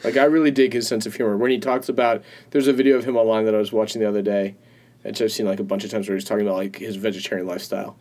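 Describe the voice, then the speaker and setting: A man's voice: fairly low pitch, little pitch movement, rapid-fire, a little mellow. A man co-hosting a podcast, chatting casually, rambling through stories and laughing often. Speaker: podcast co-host. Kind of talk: casual chat.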